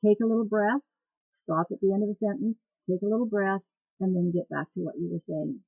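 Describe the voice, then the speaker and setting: A woman instructor explains voice care in a plain, practical way, her voice a little gravelly at the edges. The sound is dry and thin, like a phone line, picked up by a webcam mic. She talks straight to her class. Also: mid-range voice, fairly even intonation, fairly quick, no room sound. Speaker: dance cueing instructor. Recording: tinny phone-like webcam recording.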